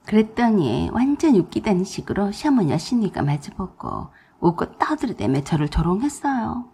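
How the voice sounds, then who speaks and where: Husky gravelly woman telling a drama. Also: medium pitch, big pitch swings, moderate pace. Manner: blunt, sharp-tongued retelling. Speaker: narrator. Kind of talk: radio drama storytelling.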